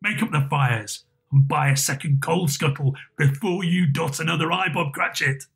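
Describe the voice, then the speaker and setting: A man voicing Scrooge's part as a gruff but merry old gentleman with a growling, emphatic storybook delivery. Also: fairly high pitch, moderate pace. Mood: joyful, earnest.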